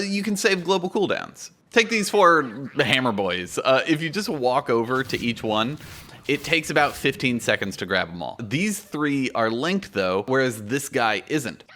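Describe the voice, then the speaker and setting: Male gaming YouTuber, twenties: crisp-edged bright delivery, mid pitch, informal explainer, conversational with punchy emphasis, close-miked. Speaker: YouTube gaming guide host. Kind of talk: informal explanatory video commentary. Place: small indoor home studio. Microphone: close microphone on boom arm.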